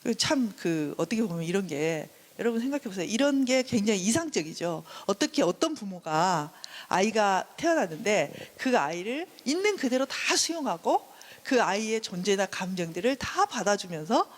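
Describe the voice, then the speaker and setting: A woman's voice: medium pitch, sing-song, normal speed, in a large hall. A woman giving a counseling lecture, who acts out what parents say to their children. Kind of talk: classroom lecture.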